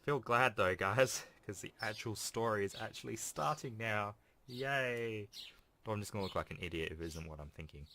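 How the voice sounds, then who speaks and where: Reading a visual novel aloud for a gaming video, this man sounds animated, with a lowish, pushed, bright voice at normal speed. He's casual throughout, slipping informal offhand commentary between passages as game music plays.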